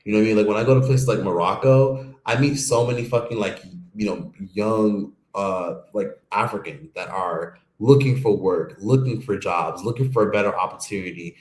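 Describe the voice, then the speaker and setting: A man talks straight to his stream audience in a casual, emphatic monologue, swearing freely and rambling from point to point. His voice sits on the low side. The room around him is echoey, as from a home streaming setup. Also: moderate pace, hardly any pauses, a little mellow. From United States. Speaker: streamer host. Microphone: streaming microphone.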